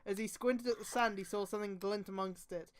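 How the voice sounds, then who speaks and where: At a medium pitch, steady in tone and a little fast, a woman streamer gives fan fiction a mocking dramatic reading. Exasperated, profane and casual asides punctuate it, and her outbursts frequently turn into laughing and shouting.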